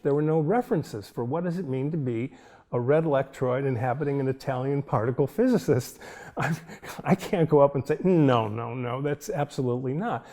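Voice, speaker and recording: An older male film director, his voice mellow and a bit high, shares thoughtful anecdotes during an interview, chuckling every so often as he reflects and tells his stories.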